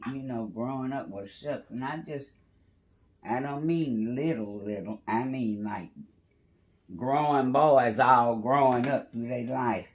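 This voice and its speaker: Slow-talking man cooking live. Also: mid-range voice. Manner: chatty, greets viewers by name while cooking. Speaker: home cooking livestream host. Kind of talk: casual live cooking chat.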